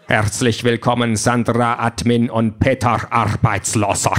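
A man voicing a small, mustached male android doorman with a rasping, absurdly overemphasized voice, speaking in stiff, deliberate phrases for an audiobook. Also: medium pitch, level tone, fairly bright tone, close to an everyday voice. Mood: stiff, mock-polite. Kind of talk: audiobook character voice.

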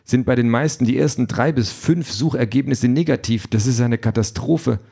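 A man's voice: medium pitch, moderate pace, vocal fry, warm tone, breathy edge, voice pushed up. A man voicing an exhausted, frustrated female campaign manager who swears bluntly, in a raised voice from an audiobook reading.

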